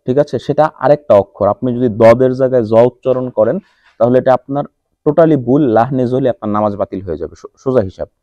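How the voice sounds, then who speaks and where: A man's voice: medium pitch, dry recording, muffled recording. Man teaching Quran recitation. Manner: slow drawn-out recitation between brisk explanations; corrects pronunciation by repeating letters.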